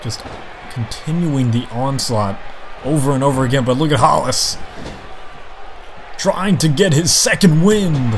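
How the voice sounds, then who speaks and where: A man calls a wrestling match as play-by-play commentator. His pitch sits in the middle range and his pacing is measured, with dramatic, exclamatory emphasis. There is clearly audible noise behind the voice.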